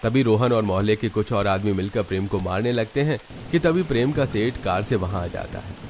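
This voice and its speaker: A man narrating a cartoon story in a steady, even way. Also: lowish voice, a little fast, a little hiss or hum.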